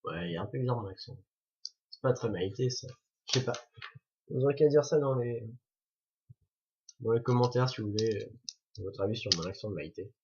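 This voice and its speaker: A man's voice: mid-range voice, normal speed, long pauses, background noise. A man reviewing a toy set in a chatty, jokey way, correcting himself as he goes. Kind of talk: casual building commentary. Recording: dull lo-fi recording.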